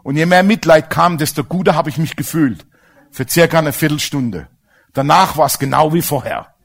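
A man's voice: on the high side, normal speed, creaky. A man preaching a sermon with emphasis and humorous asides, often asking the congregation for agreement.

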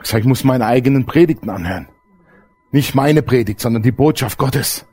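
A man preaching a sermon, blunt and earthy, swinging between loud emphatic outbursts and hushed low passages. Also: a little fast, husky. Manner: blunt, earthy everyday language. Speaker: pastor.

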